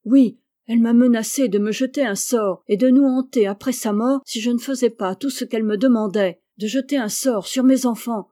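A woman's voice: fairly high pitch, measured pace, warm tone, close to an everyday voice. A woman reading a story aloud, voicing a frightened middle-aged male village butcher who stammers and pleads. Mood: pleading.

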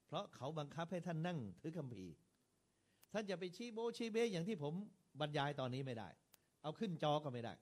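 A man with a slightly raised voice gives a talk to a room of monks. He swings between heavy and light stress and keeps a steady, lively rhythm. He turns to his listeners with direct questions as he goes. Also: a little high. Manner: varied stress and rhythm, lively rises and falls. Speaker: Buddhist monk lecturer. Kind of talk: lecture to monks on preaching.

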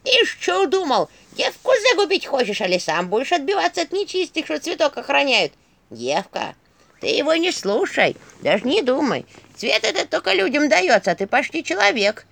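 A narrator voicing a cantankerous old female talking skull on a staff, with a creaky, shrill, scolding folk manner. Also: huge pitch swings, moderate pace, a bit bright, no room sound, exaggerated voice. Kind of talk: audiobook character voice.

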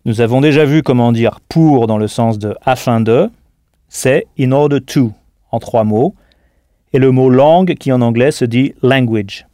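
A man's voice: medium pitch, unhurried, dark tone, no echo, clean studio sound. A man teaching a recorded audio language lesson, patiently spelling words out letter by letter and prompting the listener to answer.

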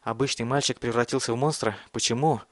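A man's voice: medium pitch, fairly even intonation, quick pace, no echo, clean studio sound, close to an everyday voice. A man voicing a frightened teenage boy who speaks in hesitant questions. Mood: bewildered.

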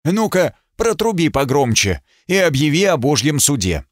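A man's voice: fairly high pitch, sing-song, normal speed, no room sound, studio quality, voice pushed up. A man reading an audiobook, voicing a stern male judge who speaks in a solemn, raised voice.

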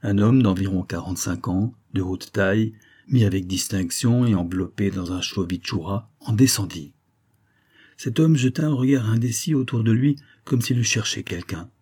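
Brief: steady male audiobook narrator, husky and mellow. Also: on the low side. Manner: steady, measured storytelling. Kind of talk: audiobook reading of a classic novel.

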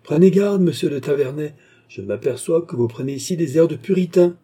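Male reader doing a haughty, furious queen, pitched up, dark husky tone. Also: lively intonation, normal speed. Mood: imperious. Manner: imperious, indignant outbursts. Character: proud furious queen of France, woman. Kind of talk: audiobook character voice.

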